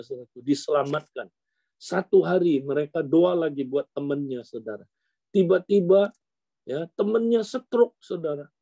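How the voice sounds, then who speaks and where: Pastor telling a lively sermon story. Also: male voice, fairly high pitch, no room sound, lo-fi sound. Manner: animated, addresses listeners as "saudara" constantly.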